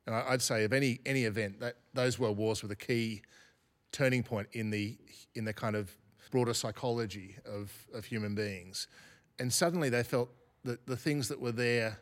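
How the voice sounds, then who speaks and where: A man talks through ideas in a relaxed interview. He sounds reflective and unhurried, often circling back and restarting his sentences as he thinks aloud. His voice sits at a middle pitch. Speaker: academic guest. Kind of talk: thoughtful podcast interview.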